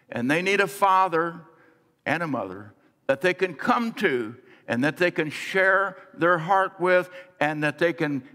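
A middle-aged man preaching a sermon as pastor, earnest, swinging between soft and emphatic delivery. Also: fairly high pitch. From United States. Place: large church sanctuary, on stage. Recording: long church hall reverb.

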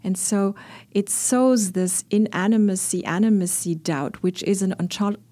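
A woman professor and podcast guest who speaks in a thoughtful, academic way, pausing often with fillers. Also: mid-range voice, warm tone. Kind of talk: academic conversation.

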